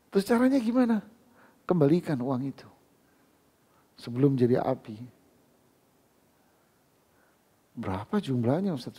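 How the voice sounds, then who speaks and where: A man's voice: medium pitch, gravelly, warm tone, slightly rough. A man giving a casual Quran lesson in a mosque, talking conversationally and acting out little dialogues with his listeners. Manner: conversational, acts out dialogues, laughs often.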